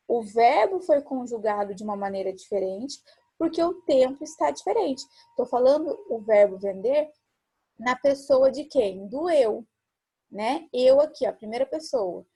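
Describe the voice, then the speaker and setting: A woman's voice: high voice, warm tone, breathy edge. A woman with a Brazilian Portuguese accent teaching a recorded class, patiently repeating examples and asking rhetorical questions.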